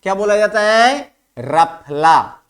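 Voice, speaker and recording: Slow, clear-voiced teacher drilling sounds. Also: medium pitch, lively intonation. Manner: slow, asks the class repeated questions; repeats each sound aloud to drill pronunciation. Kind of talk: online language lesson.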